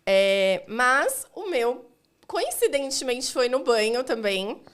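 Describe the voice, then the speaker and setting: Woman in her 40s on a podcast, bit higher voice, casual and thoughtful. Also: very animated, takes it slowly, smooth. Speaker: guest. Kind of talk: casual chat.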